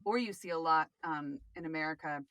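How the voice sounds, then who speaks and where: A woman who acts and hosts a podcast, talking about acting in an animated, emphatic way over a video call and laughing often. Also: low-pitched, brisk, dry recording. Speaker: actor and podcast host. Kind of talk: casual conversation about acting.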